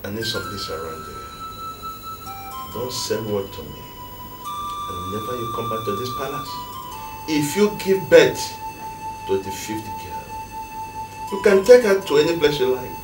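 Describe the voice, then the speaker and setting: A man's voice: mid-range voice, very animated, a little slow, pauses often, over loud music, low-quality recording. A man playing a stern, imperious king in a film drama, speaking emphatically with a Nigerian accent. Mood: impatient, stern. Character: stern, imperious king demanding a male heir.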